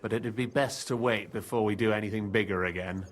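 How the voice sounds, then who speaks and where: Male actor as a plotting medieval guild boss; low, steady, assured. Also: lightly acted. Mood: calm. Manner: measured, confident. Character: scheming male guild leader, calm and assured. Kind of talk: video game dialogue.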